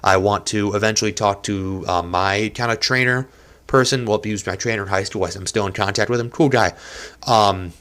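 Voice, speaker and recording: Speaking at a moderate pace, this young man has a fairly low, slightly bright voice. He hosts a casual solo podcast from a small apartment, where he rambles and makes self-deprecating remarks, his nose congested from allergies.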